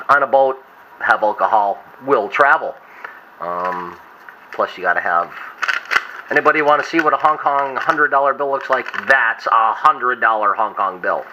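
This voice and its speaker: A man's voice: medium pitch, sharp tone. A hungover man giving a casual, unscripted show-and-tell as a vlogger, rambling and trailing off mid-thought. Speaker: hobbyist vlogger. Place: inside a wooden boat. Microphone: camera glasses worn on the head. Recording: dull lo-fi sound with faint noise.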